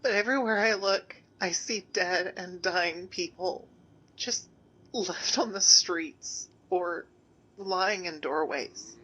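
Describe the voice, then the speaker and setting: A terrified field reporter. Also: female voice, on the low side, pushed and bright, breathy edge, full character voice, low-quality recording. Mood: fearful. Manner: frightened, pleading, slow halting delivery. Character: panicked female field reporter in a plague. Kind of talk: video game radio drama.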